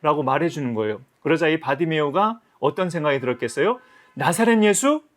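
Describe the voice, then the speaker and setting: A man with a high voice gives a Sunday school sermon. He tells the story gently, as if speaking to young friends. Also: animated, fast. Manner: gentle, addressing children as friends.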